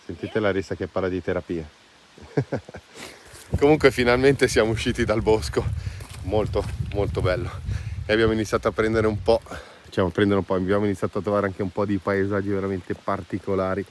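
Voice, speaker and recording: A hiking vlogger with a lowish voice talks fairly quickly and with fairly even intonation while walking a mountain trail. His casual vlog chatter is enthusiastic, informal and full of exclamations, and the recording picks up outdoor noise and ambient hiss.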